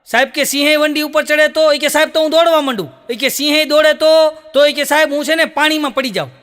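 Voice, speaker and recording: A fast-talking male stand-up comedian has a very high, somewhat bright voice with fairly even intonation. He performs a Gujarati joke-telling stage show, voicing each character and laughing between punchlines, and the hall adds a long reverb.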